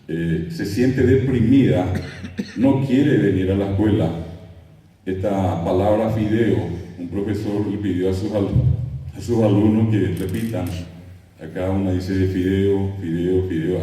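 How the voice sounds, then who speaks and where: A man giving a lecture at an academic conference, telling stories and acting out examples with lively emphasis. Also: fairly low pitch. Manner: expressive storytelling lecturer, acts out examples. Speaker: conference speaker. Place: large lecture hall. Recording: echoey hall from far off.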